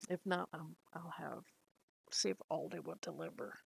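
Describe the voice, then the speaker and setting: A woman's voice: low-pitched, fairly even intonation, normal speed, gravelly, breathy edge, rough recording. A middle-aged woman chatting casually to camera at home, rambling and laughing often. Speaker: lifestyle vlogger. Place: at home, indoors.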